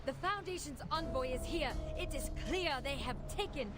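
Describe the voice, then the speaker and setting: Fanatical female cult leader, commanding, swooping high voice, game scene, distant. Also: lively intonation, moderate pace, loud music behind the voice. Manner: cold, commanding. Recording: game audio, distant, loud score.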